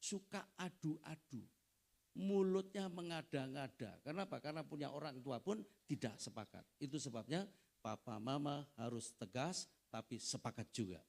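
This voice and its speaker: A man's voice: mid-range voice, normal speed, creaky, darkish tone. A middle-aged male pastor giving a family seminar sermon, preaching conversationally with frequent asides to the audience.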